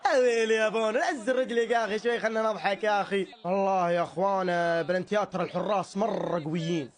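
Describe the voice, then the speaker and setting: A young man with a Saudi accent reacts to a football match in comic commentary, excitable and full of mock outrage. His voice sits high and his words come in a rapid rush. He breaks into shouts and laughter often. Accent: Saudi Arabic. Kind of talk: comedic live reaction commentary.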